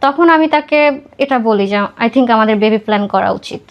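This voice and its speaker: In a muffled recording, a young woman with a fairly high voice and a Bangladeshi accent speaks at a moderate pace. She's a podcast guest recounting her life in a chatty interview, sprinkled with English words.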